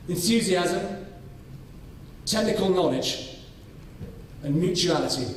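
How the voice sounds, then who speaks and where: A man's voice: sits high, distant mic, slight background noise. Man speaking in an echoey hall. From North Wales. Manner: measured, with frequent ums and restarts. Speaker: farming scholar presenting his study. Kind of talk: conference presentation.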